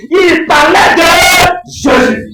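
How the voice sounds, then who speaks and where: A man preaching a call-and-response sermon, shouting with emphasis, repeating phrases and quizzing the congregation. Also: extremely high pitch, fairly even intonation, very slow, very noisy. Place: church service with congregation. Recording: echoey hall, far-off mic, crowd.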